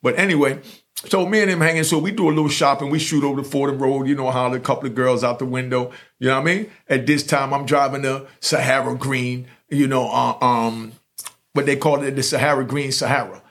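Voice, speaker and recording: A man's voice: mid-range voice, steady tone, brisk, fairly bright tone. A man telling a long street story in casual chat, rambling with many fillers and restarts. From New York. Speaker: storyteller host.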